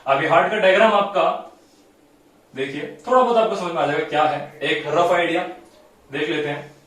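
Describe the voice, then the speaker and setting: A man with a fairly high, fairly bright voice and moderate pace explains biology step by step at a whiteboard. He keeps checking in with his class, repeating "theek hai" and blending English terms into his talk, in a very echoey room recorded from a distance.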